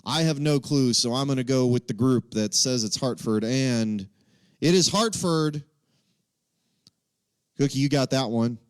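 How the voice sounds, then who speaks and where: A man's voice: medium pitch, unhurried, long pauses, no echo, clean studio sound. A man from Texas, casually hosting a live quiz and thinking aloud as he reads out the answer options. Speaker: livestream quiz host.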